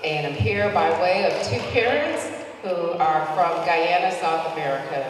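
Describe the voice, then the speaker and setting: Low-voiced woman from New York, echoey hall. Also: animated, normal speed, background noise. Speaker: county commission chair. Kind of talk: panel self-introduction. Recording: echoey hall, far from the mic.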